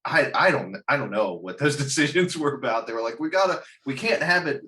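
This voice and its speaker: Medium-pitched and a touch quick, this male podcast panelist wanders through talk of movies and games. He swears liberally, stays lively, and keeps breaking into laughter while speaking.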